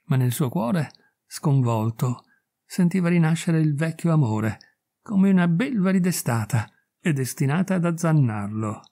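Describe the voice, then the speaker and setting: A man reading a classic short story aloud in measured, expressive narration. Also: on the high side, vocal fry. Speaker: audiobook reader. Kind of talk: scripted literary narration.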